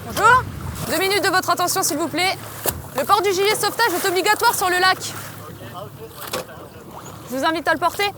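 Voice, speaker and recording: A woman gendarme giving a formal safety announcement through a boat loudspeaker, outdoors on a lake. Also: very high-pitched. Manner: firm, formal, measured instructions. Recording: outdoor boat noise, voice from afar.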